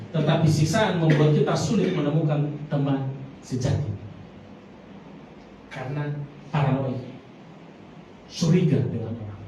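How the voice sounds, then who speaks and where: A man's voice: fairly high pitch, mellow. A man preaches an emphatic sermon, repeatedly calling out to his congregation. He sounds set back from the microphone in a large church hall full of heavy echo. A faint hiss of noise runs beneath his words. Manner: emphatic, repeatedly addresses the congregation as brothers and sisters. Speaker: pastor. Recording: very echoey hall, mic far off, faint noise.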